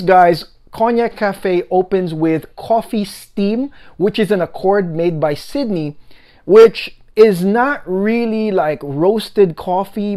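Speaking to the camera from a room at home, a young fragrance reviewer chats casually about perfume. His voice is high, and he's animated and talkative, often throwing in "guys" and "okay?"

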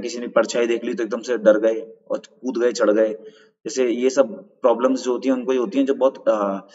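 In a live online quiz lesson, a man with a mid-range, slightly mellow voice goes through answers step by step and checks on his viewers. He greets them in the chat and asks them to answer. The audio is lo-fi and dull, washed in long reverb.

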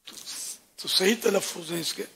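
Soft-spoken raspy older man. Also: high-pitched. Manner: soft-spoken, often drops to a whisper, draws out words slowly. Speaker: religious scholar answering questions. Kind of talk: religious guidance talk.

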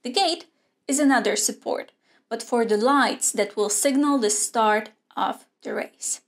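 A young woman presenting a scripted online robotics lesson in a studio, explaining clearly and steadily. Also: a little high. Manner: clear, measured explaining with hand gestures. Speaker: robotics teacher. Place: indoor studio with a grey backdrop.

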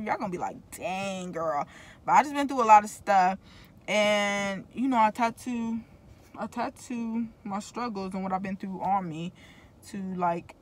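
Young female vlogger, talks with braces, casual rambling slangy chat, mid-pitched, recorded inside a car. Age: young adult. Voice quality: talking with braces. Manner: rambling, self-interrupting, slangy.

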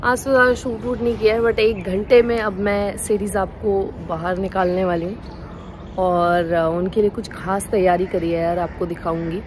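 A woman's voice: mid-range voice, little pitch movement, moderate pace, slight background noise. A woman in her thirties chatting casually as a family vlogger, mixing in English words. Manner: chatty, switching between Hindi and English. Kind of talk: casual family vlog chat.

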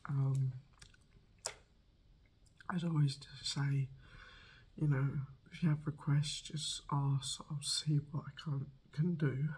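A woman's voice: low voice, steady tone, slow, darkish tone, husky, rough recording. A woman in her thirties chatting casually to camera while eating, chewing as she talks, hesitant and at times nearly whispering. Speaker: mukbang video host. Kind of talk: casual mukbang chat to camera. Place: small plain room indoors. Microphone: phone on a tripod, near arm's length.

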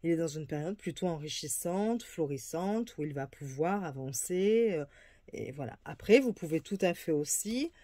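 Woman, oracle card reader, hesitant, halting, mellow voice, dry close sound. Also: deep voice, animated, no room sound. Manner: hesitant, many fillers and restarts. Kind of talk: casual card reading presentation.

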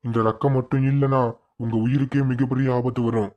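A wise old guru, voiced by a man in a cartoon, gravely warns his listeners. His voice sits at an ordinary middle pitch and his tone stays solemn. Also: level tone, fairly quick, a little mellow, dull audio, lightly acted. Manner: solemn, warning. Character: wise old male guru giving a charm. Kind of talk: cartoon voice acting.

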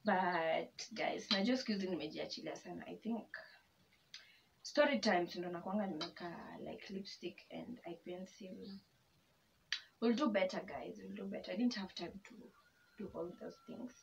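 A woman's voice: on the low side, normal speed, gravelly, crowd noise. Chatty young Kenyan woman vlogging. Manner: chatty, code-switching, emotional and grateful. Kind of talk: casual chat while eating. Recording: distant mic, dull sound, faint background hum.

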